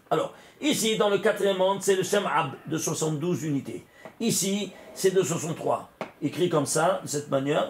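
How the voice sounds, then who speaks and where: A man's voice: a little high, creaky. A man, a rabbi teaching a Kabbalah lesson, who asks and answers his own questions and repeats phrases for emphasis. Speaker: rabbi teaching a Torah class. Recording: echoey room with faint ambient noise.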